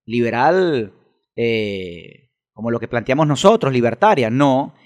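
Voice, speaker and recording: Emphatic Venezuelan man, mid-pitched. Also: expressive, unhurried, darkish tone. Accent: Venezuelan Spanish. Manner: emphatic, fires rhetorical questions and answers them. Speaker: interview guest, political activist. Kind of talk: casual interview talk.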